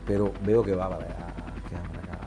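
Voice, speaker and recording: A man's voice: low-pitched, little pitch movement, fast, noisy background. A middle-aged man with a Cuban Spanish accent, telling his own story in an interview and acting out the voices in it. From Cuba. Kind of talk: personal storytelling.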